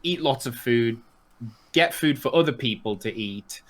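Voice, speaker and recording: A man with a mid-pitched voice co-hosts a podcast. He speaks in relaxed, everyday banter, playful and teasing. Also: unhurried. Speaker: podcast co-host. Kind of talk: casual banter.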